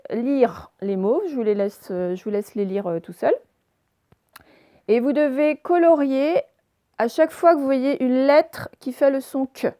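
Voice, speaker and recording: A woman teacher recording a reading lesson for young children, stretching words slowly and sounding out each syllable. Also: on the high side, gravelly, darkish tone, dry recording, studio quality. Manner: slow, careful, stretched-out word pronunciation; pauses the recording to let pupils work. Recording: self-recorded home lesson.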